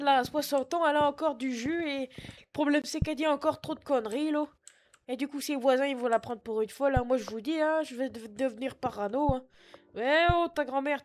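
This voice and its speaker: The streamer, a man, keeps up his live game roleplay at home, voicing a high-pitched, foul-mouthed sixty-year-old clerk with a faked Picard and Norman patois mix. She rambles, sniffles between sentences and loses track of things, flustered and chatty. Self-mocking remarks go out to chat through his computer mic.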